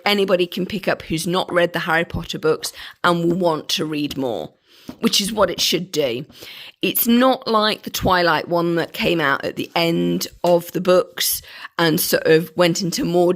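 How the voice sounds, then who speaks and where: Croaky woman with a cold. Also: on the low side, fairly bright tone. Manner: chatty, dismissive asides. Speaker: book reviewer. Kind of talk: casual book review vlog.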